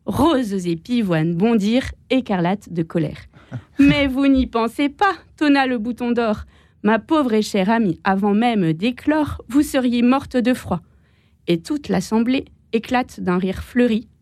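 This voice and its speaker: Woman reading verse aloud, mellow, dry close sound, measured. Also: mid-range voice, dry recording.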